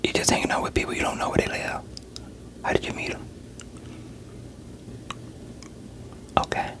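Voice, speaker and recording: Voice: fast talker, natural voice. A performer in a whispered role-play voicing a veteran police interrogator who coaxes and pressures a suspect in a sceptical, streetwise way. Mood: probing, coaxing.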